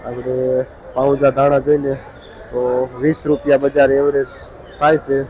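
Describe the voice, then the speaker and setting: A market vlogger with a Saurashtra Gujarati accent speaks at normal speed in a medium-pitched, level, darkish voice, repeating produce prices matter-of-factly and briefly questioning vendors. He's at a busy outdoor vegetable market, and the low-quality recording is full of crowd chatter and vehicle noise.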